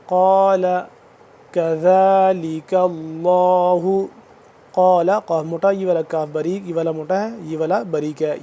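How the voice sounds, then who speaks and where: A high-pitched man with a Pakistani Urdu accent teaches tajweed. He draws out each recited phrase slowly, then breaks into quick, quiet explanations of the letters. His tone is mellow and fairly flat. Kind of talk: tajweed lesson, slow recitation with fast spoken explanations.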